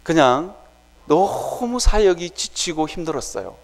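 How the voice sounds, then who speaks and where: Male preacher, sermon in a church sanctuary, high voice with a very lively pitch, animated storytelling, long church-hall reverb. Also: measured pace. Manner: animated storytelling, acting out his own prayers.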